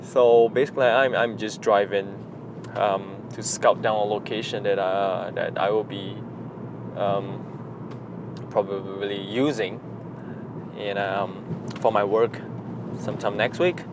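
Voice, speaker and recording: A man's voice: on the low side, steady tone, slow, noisy background. A man, chatting unscripted in a vlog from his moving car, rambling with many fillers and restarts. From Singapore. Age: 30s. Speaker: vlogger. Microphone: action camera mounted in car.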